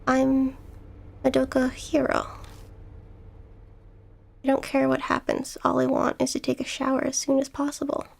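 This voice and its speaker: A woman voicing a blunt, weary young woman in a game, reading her lines curtly and flatly. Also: high-pitched, moderate pace, vocal fry, pauses often, exaggerated voice.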